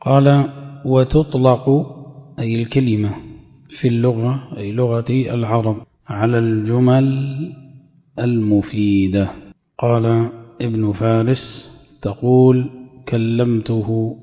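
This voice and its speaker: Man, grammar lesson, slow and deliberate, dark mellow voice, muffled hall recording with long reverb. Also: mid-range voice, fairly even intonation. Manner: measured, stretching quoted words for emphasis. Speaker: teacher explaining a grammar text. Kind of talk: classical Arabic grammar lesson.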